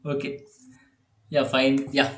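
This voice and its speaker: A man with an Indian English accent tutoring a child in programming on a video call, chatty and quick to laugh. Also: medium pitch, completely flat delivery, a bit bright, roomy sound. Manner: chatty, laughs often, repeats okay and yeah. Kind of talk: online one-on-one coding lesson.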